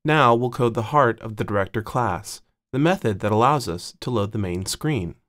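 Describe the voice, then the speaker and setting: Measured man narrating a coding tutorial. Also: mid-range voice, lively intonation, a bit bright. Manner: measured, dictating code piece by piece. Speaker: tutorial instructor. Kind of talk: step-by-step screencast narration.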